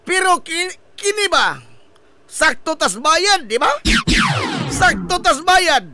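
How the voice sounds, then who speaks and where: A man's voice: very high-pitched, big pitch swings, slow, music in the background. A man hosting a local radio talk show, joking, laughing at his own quips and asking listeners rhetorical questions.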